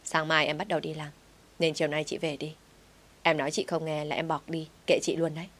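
A woman reading an audio story, voicing a weary young man who talks softly and politely. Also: low-pitched, little pitch movement, fairly quick.

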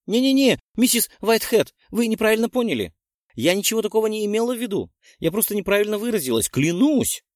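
A high, pleading young witch girl, as a man puts her on, laying on the drama with thin, girlish tones. Dry, close storybook reading. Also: animated, slow, few pauses, a little mellow, no room sound. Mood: flustered. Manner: pleading, theatrical.

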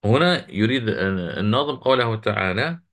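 Man, recitation teacher, patient explanation, chants verses slowly, average pitch. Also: lively intonation, fairly bright tone. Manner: stretches and chants quoted verses, answers students' questions.

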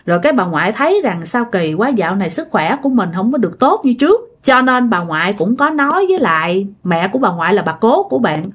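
A woman's voice: medium pitch, very animated, fast talker, few pauses, husky. A woman with a Southern Vietnamese accent tells a ghost story in a casual narration style. She talks chattily and addresses her listeners directly.

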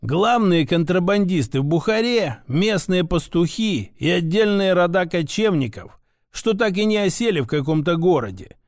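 Audiobook: male narrator doing a calm, strict old grandfather-teacher, higher voice, dry. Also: no room sound. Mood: stern. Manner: calm, instructive, measured. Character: stern old grandfather, a patient mage teacher. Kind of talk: audiobook character voice.

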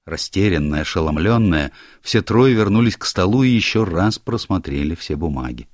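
A man narrating a detective story audiobook in a measured, even storytelling manner. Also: sits low, dry recording, clean studio sound. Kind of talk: scripted narration.

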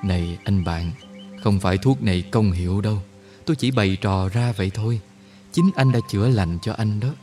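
A man voicing a calm older male spiritual guide who explains things slowly and soothingly. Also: fairly low pitch, soft background music. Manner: slow, measured, soothing explanations.

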